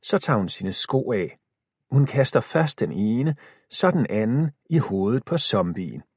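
A man narrating a children's story in the first person, expressive and shifting pace with the tension. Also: mid-range voice, husky, dry recording, studio quality. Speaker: audiobook narrator.

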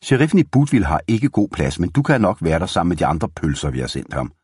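A man voicing a rough male outlaw gang leader with a rusty voice, gloating and taunting. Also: deep voice, sing-song, a little mellow, dry recording, clean studio sound, full character voice.

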